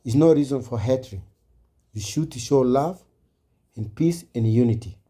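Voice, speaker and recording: A man's voice: mid-range voice, a little slow, warm tone. A man giving an impassioned personal message in earnest, repetitive phrases and English. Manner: earnest, repetitive, preaching cadence, non-native grammar. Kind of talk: impassioned personal address to camera.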